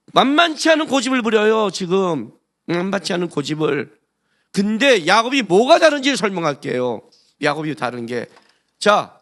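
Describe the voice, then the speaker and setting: A man's voice: sits high, fairly bright tone. A male pastor preaching a sermon at a church service, blunt and colloquial, firing rhetorical questions at the congregation. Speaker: senior pastor.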